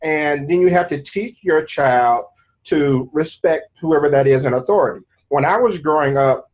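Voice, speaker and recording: A man's voice: a little high, moderate pace, poor audio. A man in his forties, a talk show guest, speaking earnestly and making his points with emphatic repetition. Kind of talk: casual talk show discussion.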